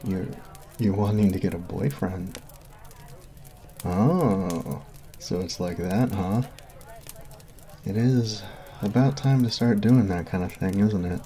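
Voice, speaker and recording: In this ASMR roleplay, a male voice actor plays a sweet, goofy college jock and best friend, captured close-up on a binaural mic. He speaks slowly in a low, dark-toned voice, teasing but earnest, flustered and apologetic.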